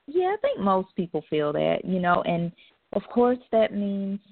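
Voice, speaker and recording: A woman's voice: mid-range voice, very animated, a little slow, gravelly, husky, no echo. A woman hosting an internet radio show in casual, chatty talk. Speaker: host. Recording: tinny phone-line internet radio.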